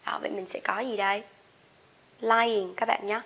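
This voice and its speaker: A woman teaching an English grammar lesson. She explains in a chatty way and reads the example sentences slowly and loudly. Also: medium pitch, fairly even intonation, vocal fry.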